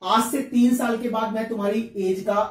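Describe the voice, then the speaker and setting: A man's voice: sits high, steady tone, moderate pace. A man teaching a maths lesson, chatty, putting questions to the students and answering them himself. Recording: roomy echo, mic at a distance.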